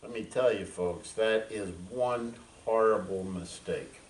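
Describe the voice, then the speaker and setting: A man in his seventies, a veteran, giving a frank, reflective talk to an audience with many pauses and fillers. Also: fairly low pitch, far from the mic. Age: 70s. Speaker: veteran speaker. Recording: echoey room, voice from afar.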